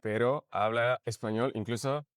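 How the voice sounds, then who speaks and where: A man's voice: medium pitch, fairly even intonation, normal speed, dry recording, studio quality. Hesitant Polish man hosting in Spanish. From Poland. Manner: hesitant, searching for words. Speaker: host. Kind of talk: casual conversation.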